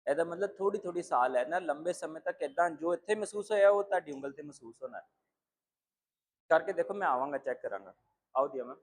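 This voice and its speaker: A man's voice: on the high side, lively intonation, brisk. A man leading a live breathing class, calling students forward and checking whether they understand. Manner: calls students up, checks them, asks if it is clear. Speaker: breathing instructor.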